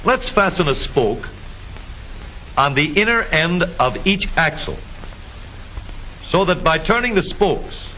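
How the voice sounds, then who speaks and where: A man narrates a vintage 1950s educational film in a bright, forceful voice with very lively intonation. He explains step by step in scripted, deliberate phrases. The old soundtrack carries a faint hiss. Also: fairly high pitch, low-quality recording.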